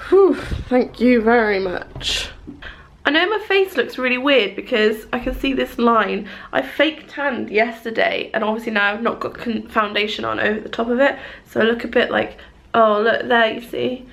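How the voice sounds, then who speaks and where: A woman's voice: a little high, normal speed, vocal fry, hardly any pauses, fairly bright tone, low-quality recording. A woman, chatting casually in a rambling, self-mocking vlog. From England. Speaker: vlogger. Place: hotel room, then outdoors in a city.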